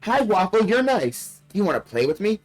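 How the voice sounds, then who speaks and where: A man's voice: high voice, very animated, a little fast, faint music behind, pitched above the performer's own voice, rough recording. A man voicing a creepy talking porcelain doll, a sweet childlike little girl, while reading game dialogue aloud. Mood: sweet, eager.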